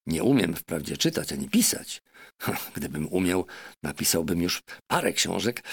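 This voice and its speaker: A man's voice: fairly low pitch, creaky, a bit bright, slightly rough, dry recording, heavily acted. A man voicing a chatty, scheming middle-aged meat seller with a fawning, wheedling manner, in a storybook reading.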